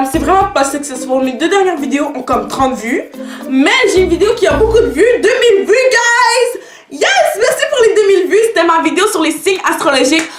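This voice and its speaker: A young woman of nineteen speaks with a Québécois French accent. She chats casually to camera and drifts between French and English. Her voice sits high, and it echoes in the room over steady background music. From Canada. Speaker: YouTuber.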